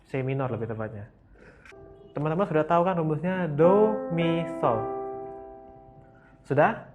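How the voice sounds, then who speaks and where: Man, piano teacher, Palembang Indonesian accent, patient and repetitive, slightly high voice, piano playing behind. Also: dull audio. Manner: patient, repeats "oke?" to check understanding. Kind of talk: casual music lesson. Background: piano keyboard notes.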